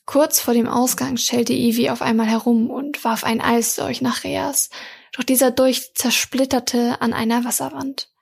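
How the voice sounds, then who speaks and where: A woman reads a fantasy story aloud in a fairly high, breathy voice. Her delivery is calm and even, keeping a flat, steady melody from line to line. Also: a little slow. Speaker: audiobook reader.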